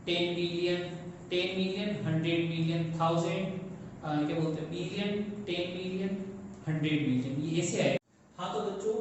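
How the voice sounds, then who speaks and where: High-voiced man teaching in an echoey room. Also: far from the mic, a little hiss or hum. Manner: slow, repetitive counting of place values. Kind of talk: classroom math lesson.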